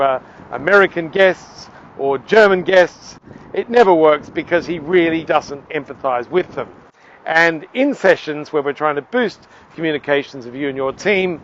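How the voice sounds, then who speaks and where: A man giving a playful, lively piece to camera outdoors by the seaside as a communications trainer, with a few hesitant fillers. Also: fairly high pitch, lo-fi sound.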